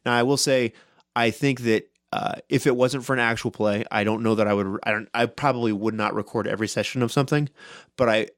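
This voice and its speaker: A man co-hosting a podcast about running tabletop games, talking loud and fast in casual chat and tagging many sentences with "right?". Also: mid-range voice, fairly even intonation, no echo, studio quality. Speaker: podcast co-host and game master.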